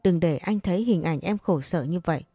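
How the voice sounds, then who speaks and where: A woman's voice: lowish voice, fairly quick, mellow, breathy edge, dry recording, soft background music. A woman voicing a caring but pushy young man who scolds and coaxes a crying friend. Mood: coaxing. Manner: scolding yet tender, coaxing. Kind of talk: audiobook character reading.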